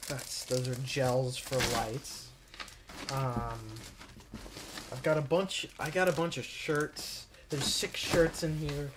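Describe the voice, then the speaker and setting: A man's voice: medium pitch, steady tone, slow, background noise. A man hosting a live stream, chatting casually and straight to his viewers, rambling and often correcting himself mid-sentence. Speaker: livestream host.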